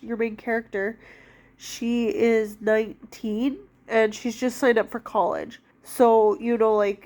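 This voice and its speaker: A fairly high-pitched woman with a darkish tone chats casually as a book vlogger. She's in her thirties, congested from a cold, and rambles about books with many fillers.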